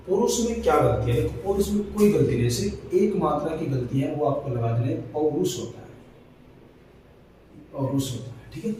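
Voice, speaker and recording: A young male teacher works through spelling corrections word by word. He keeps quizzing with short questions and repeats each answer. His slightly high, mellow voice comes from some way off the mic in a very echoey room, with a faint hiss underneath. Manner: repetitive, quizzing students with questions. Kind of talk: Hindi spelling lesson. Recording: roomy echo, distant mic, faint noise.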